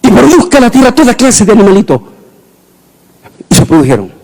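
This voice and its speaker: A middle-aged man, preaching a sermon emphatically and rising into shouted proclamations. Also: very high-pitched, sing-song, brisk, creaky.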